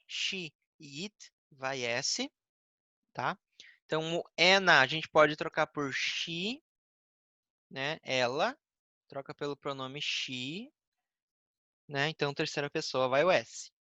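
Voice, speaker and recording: A Brazilian man teaching basic English grammar, patiently explaining step by step and reading example sentences slowly. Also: fairly high pitch, bright, forceful tone, dry recording. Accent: Brazilian Portuguese. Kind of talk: recorded grammar lesson.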